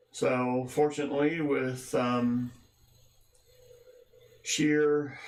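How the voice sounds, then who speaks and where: A man's voice: medium pitch, echoey room. A man hosting a casual livestream, greeting viewers by name with wry, rambling jokes and asides. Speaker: livestream host.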